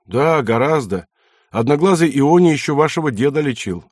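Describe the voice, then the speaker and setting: A man's voice: fairly high pitch, expressive, moderate pace, darkish tone, breathy edge, no room sound, clean studio sound, pitched above the performer's own voice. A man voicing a respectful, obliging middle-aged male estate manager.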